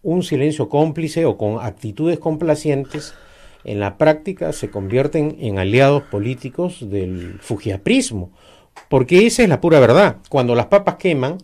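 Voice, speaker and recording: Emphatic man with a lively voice. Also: medium pitch, measured pace. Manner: emphatic, critical, with frequent "eh" fillers. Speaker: political commentator. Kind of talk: political discussion.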